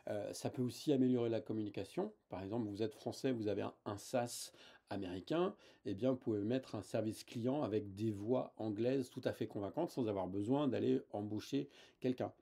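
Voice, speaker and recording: A man's voice: lowish voice, a little fast, gravelly, warm tone. A man hosting a casual tech tutorial, talking hesitantly with many fillers and restarts.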